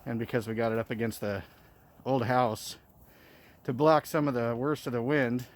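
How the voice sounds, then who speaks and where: A man's voice: mid-range voice, steady tone, normal speed. A man filming a casual vlog from his snowy sheep ranch, talking in an easygoing way, his voice muffled by a face mask. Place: outdoors on a snowy ranch and in a car.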